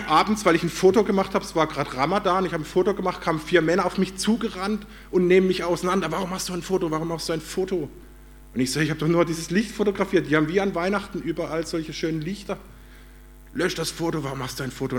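Lively German preacher telling a story. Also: male voice, on the high side. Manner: lively storytelling, acts out quoted voices. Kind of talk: sermon.

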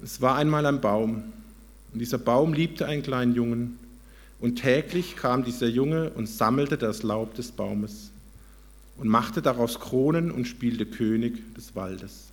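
A man reading a story aloud to an audience within a talk, calm and measured. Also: mid-range voice.

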